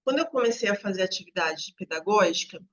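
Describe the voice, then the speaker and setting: A woman's voice: medium pitch, lively intonation, fast talker, dull audio. A woman teacher giving an online lesson, patiently stretching out example words as she explains. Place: home apartment with dogs barking nearby.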